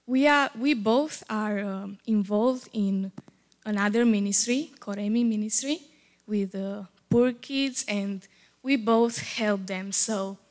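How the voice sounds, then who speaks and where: A woman with a Romanian accent, a native Romanian speaker, giving a personal testimony in careful, halting English with searching pauses. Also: medium pitch. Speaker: church ministry worker.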